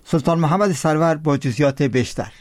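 A man with an Afghan accent reading a formal radio news bulletin in a measured delivery. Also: fairly high pitch, a little mellow, no echo. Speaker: radio newsreader.

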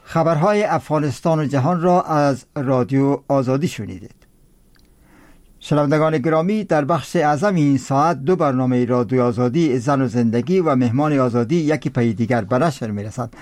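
A man with an Afghan accent reading a formal radio news bulletin in a measured delivery. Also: mid-range voice, darkish tone, dry recording, studio quality. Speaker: radio newsreader.

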